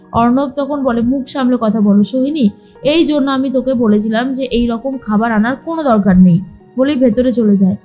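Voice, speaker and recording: A woman's voice: sits high, a little mellow. A woman narrating a recap of a TV serial, retelling the scenes and quoting each character's lines with light voice shifts.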